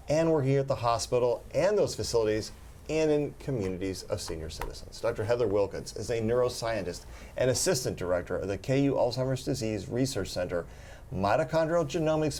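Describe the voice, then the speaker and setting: A man's voice: fairly low pitch, a little mellow, slight background noise. A man in his sixties hosting a health talk show in a chatty way, with jokey asides. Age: 60s. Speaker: host.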